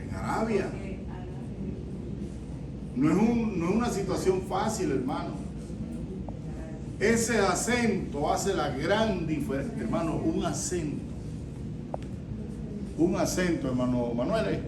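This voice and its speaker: A man's voice: on the high side, expressive, slow, long pauses. Preacher questioning his congregation, echoey church. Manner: asks the congregation questions, repeats answers. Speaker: pastor. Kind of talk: interactive sermon with congregation reading. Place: church during an evening vigil. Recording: echoey church, distant mic, background noise.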